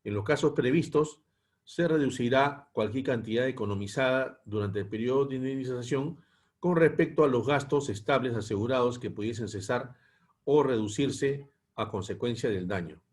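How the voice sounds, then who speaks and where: Husky man reading a lecture aloud. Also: medium pitch. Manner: measured, reads long technical passages steadily. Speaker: instructor. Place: online class.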